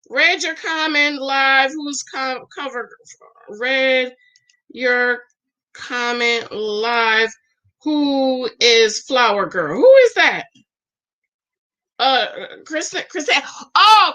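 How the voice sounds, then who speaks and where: A woman's voice: high-pitched, bright, forceful tone. A woman in her forties giving casual livestream commentary, reading viewer comments aloud and reacting in a sassy, chatty way. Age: 40s. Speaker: show reviewer reading live comments.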